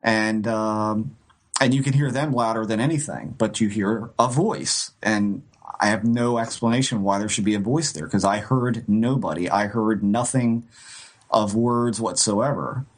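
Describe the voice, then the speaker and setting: With a lowish voice, speaking a little slowly, a man co-hosting a podcast shares a ghost-hunting story. He rambles in a casual way, frequently restarting and laughing lightly.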